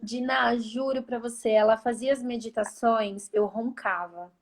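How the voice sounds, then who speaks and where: A Brazilian woman in her thirties chatting as a guest therapist, her voice sitting a bit high. She tells her story in animated bursts, leaning on fillers, heard through a video call. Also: a little slow. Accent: Brazilian Portuguese. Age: 30s. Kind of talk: casual chat.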